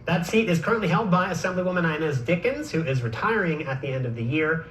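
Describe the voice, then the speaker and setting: Higher-voiced New TV news host. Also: male voice, lively intonation, fairly bright tone, roomy sound, a little hiss or hum, rough recording. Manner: brisk, conversational questioning. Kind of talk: political news interview.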